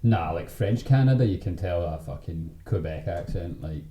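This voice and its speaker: Sitting low and expressive at a normal speed, a man from Scotland hosts a podcast in a broad Scottish accent, sharing anecdotes laced with slang and swearing. The highs are cut off, and the room echoes with background noise behind him.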